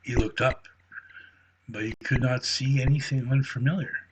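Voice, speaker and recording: A man reading a children's bedtime story aloud in a slow, gentle way. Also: mid-range voice, fairly even intonation, noisy background.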